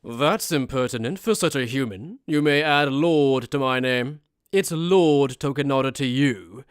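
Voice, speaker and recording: A man's voice: mid-range voice, no room sound, studio quality, natural voice. A man playing a smug, sadistic aristocratic death god, with mocking, overacted anime-dub theatrics. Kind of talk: anime fan-dub character acting.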